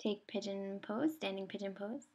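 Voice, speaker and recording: Female yoga instructor, mid-pitched voice, soothing and encouraging delivery for guided movement and breathing. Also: moderate pace, a little mellow, husky. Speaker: yoga teacher.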